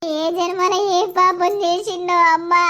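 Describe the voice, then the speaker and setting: A woman's voice: very high voice, flat delivery, a little slow, sharp tone, full character voice. A woman voicing a heartbroken young wife abandoned by her husband, lamenting in a Telangana accent in a village cartoon drama. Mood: grieving. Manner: lamenting, plaintive.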